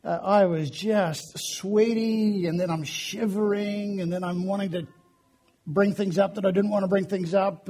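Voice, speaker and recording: A man, preaching a sermon in a church, hoarse after the flu and chatty in a self-deprecating way. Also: high voice, a little mellow. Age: 50s. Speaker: guest preacher.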